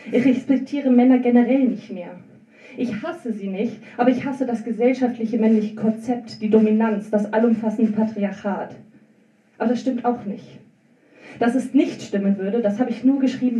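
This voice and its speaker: A woman's voice: a little high, mellow, highs cut off. Woman reading letters in a roomy, distant recording. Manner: intimate, measured delivery that rises to intense outbursts. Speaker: author reading her own text. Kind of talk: literary reading of first-person letters.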